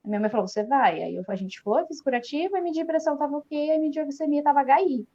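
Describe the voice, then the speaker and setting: A young woman with a Brazilian accent tells her story with lively energy and frequent laughter. Her voice sits a little high. The audio is dull and lo-fi, like a live stream. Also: racing. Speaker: guest. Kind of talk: casual live video chat.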